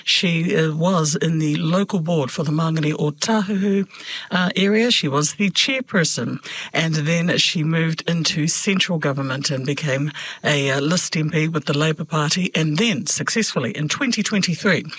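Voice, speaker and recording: A woman hosting a conversational interview, speaking in a measured, hesitant way with frequent pauses. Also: low-pitched, husky, no room sound. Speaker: interview host.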